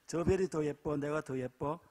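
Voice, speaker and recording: A man's voice: fairly high pitch, normal speed, darkish tone, close to an everyday voice. A man doing a coy Seoul girlfriend. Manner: coy, sweet, wheedling. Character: coy, affectionate Seoul girlfriend, young woman.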